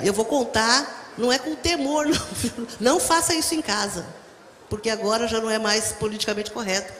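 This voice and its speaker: A woman's voice: on the high side, a bit bright, a little hiss or hum. A middle-aged woman pastor with a Brazilian Portuguese accent, preaching a sermon with humorous stories and speaking directly to the congregation. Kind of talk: sermon with storytelling. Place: church hall. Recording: echoey hall, faint ambience.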